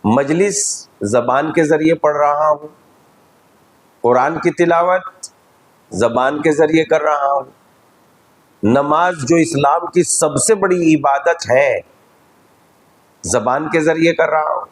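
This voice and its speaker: A man with an Indian Urdu accent, a cleric giving a measured, teacherly religious lecture at a majlis. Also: a little high, low-quality recording.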